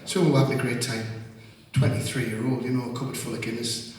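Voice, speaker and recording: On stage between songs, a Geordie singer-songwriter from North East England spins long, sweary stories for the crowd. He talks fast in a darkish, level mid-range voice, heard through a distant mic in an echoey live hall with slight background noise.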